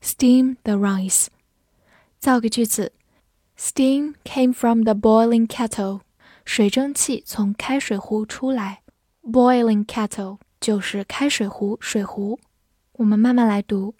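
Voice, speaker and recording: A woman teaching English vocabulary, spelling out words and reading example sentences slowly and carefully. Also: fairly high pitch, a little mellow, no room sound, clean studio sound. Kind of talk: vocabulary lesson.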